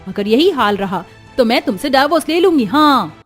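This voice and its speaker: A woman voicing a spoiled young wife who talks back in a sharp, defiant way, in a cartoon story. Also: high-pitched, expressive, normal speed, soft background music.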